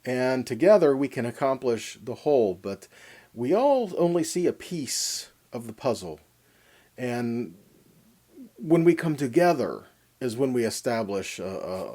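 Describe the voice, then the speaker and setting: Here a man teaches the weekly Torah portion in a didactic Bible lesson, posing his own questions, answering them, and checking in with "okay." He sounds very animated yet mellow, with a medium pitch and a measured pace.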